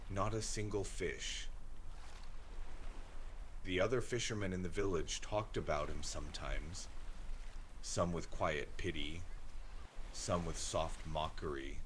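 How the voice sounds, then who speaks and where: A man narrating a bedtime sleep story in a gentle, soothing, unhurried way, as a calming guide toward rest. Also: low-pitched, a little hiss or hum.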